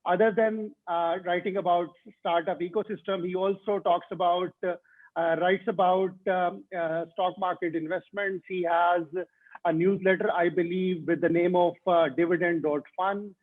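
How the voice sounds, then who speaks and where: A man's voice: sits high, fairly even intonation, moderate pace. A man hosting a podcast interview, speaking hesitantly with many fillers and restarts. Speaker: podcast host. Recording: tinny phone-like line.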